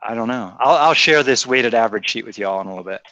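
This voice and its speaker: A man's voice: mid-range voice, fast, sharp tone, dry recording, highs cut off. Chatty male math teacher, dry sound. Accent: faint Rhode Island, mostly softened. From Rhode Island, USA. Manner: chatty, teasing, thinks aloud. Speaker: math instructor. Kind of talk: classroom lecture.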